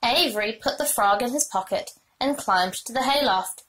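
A woman reading a children's book aloud with expressive storytelling. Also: a little high, moderate pace, a little hiss or hum, poor audio. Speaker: reader.

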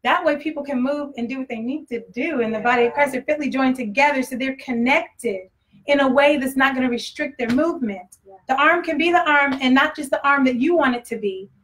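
A woman's voice: sits high, brisk, a bit bright, a little hiss or hum. A woman with a Texas accent preaching a sermon in a blunt, conversational way, often laughing. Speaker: pastor.

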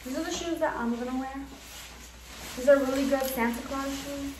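High-voiced young woman, echoey room. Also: fairly even intonation, moderate pace. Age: young adult. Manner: informal, swearing. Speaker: vlog host. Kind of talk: casual chat to camera. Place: nearly empty bedroom indoors. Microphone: camera a few feet away. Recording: echoey room, distant mic, noisy.

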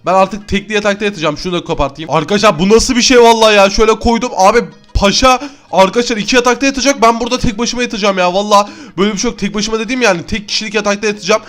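A man giving excitable Minecraft gameplay commentary to his viewers as a gaming YouTuber. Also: sits high, rapid-fire, hardly any pauses, soft background music.

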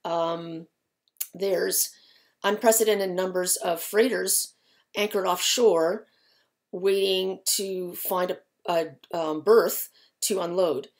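Speaking slowly and steadily in a lowish voice, this middle-aged woman from Canada offers casual, explanatory market commentary. She works as a lumber market analyst and host, recording from a small office with file-filled shelves.

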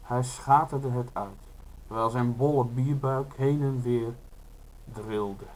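Slow, measured male literary reader. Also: medium pitch, a little mellow, low-quality recording. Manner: slow, measured, unhurried delivery. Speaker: author reading his own prose. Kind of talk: first-person literary reading.

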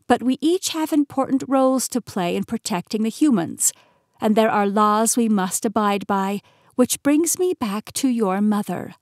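Audiobook: measured, patient immortal keeper, woman reading, a touch high, dry close sound. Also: expressive, darkish tone, dry recording. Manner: measured, explanatory. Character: poised immortal woman keeper explaining history.

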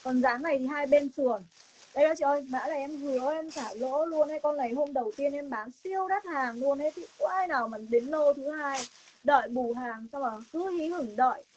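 A young woman with a Northern Vietnamese accent and a high voice hosts a live clothing sale. She chats casually to viewers while selling insistently, repeating herself and making emphatic promises. The phone recording has clear noise behind her. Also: brisk, darkish tone, dull audio. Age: young adult. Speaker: online clothing seller hosting a livestream sale. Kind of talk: live sales pitch, casual chat to viewers. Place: room stacked with clothing stock, indoors.

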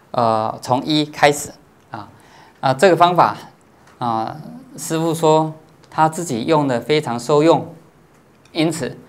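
A man, a Buddhist monastic teacher, giving a dharma lecture in a patient, explanatory way, often pausing on drawn-out filler particles and checking that his listeners understand. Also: mid-range voice.

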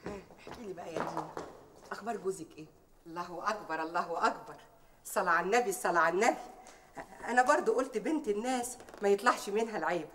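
An actress playing a bold, sharp-tongued working-class maid who speaks Egyptian Arabic, full of proverbs and mockery. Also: female voice, mid-range voice, racing, a little hiss or hum, close to an everyday voice. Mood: sly, wheedling. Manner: proverb-heavy, mocking, loud when riled. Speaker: maid confronting a rich wife.

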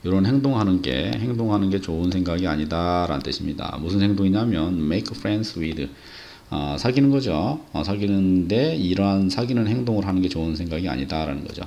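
A man teaching an English idiom lesson, explaining patiently and pausing on filler sounds. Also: deep voice, animated, creaky, warm tone.

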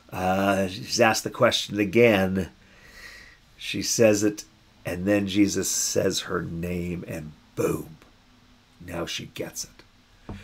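Pastor type, a man with a gravelly, husky voice, talks through scripture in a relaxed, musing way. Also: sits low. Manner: musing, conversational, acts out quoted voices. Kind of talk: reflective Bible reflection.

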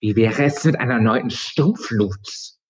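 Slow hissing water monster, sinister, toothy, storybook reading by a man, dull lo-fi sound. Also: on the low side, close to an everyday voice. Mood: menacing. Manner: slow, drawn-out hissing threats. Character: hissing, menacing female water monster with sharp teeth.

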